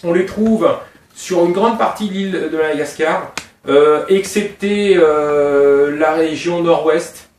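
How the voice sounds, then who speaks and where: Speaking slowly in a slightly high, somewhat mellow voice, a middle-aged Réunion Island man describes the snakes he breeds. His talk is informal and long, full of digressions and piled-up details. There's slight background noise, and the roomy sound comes from a distance.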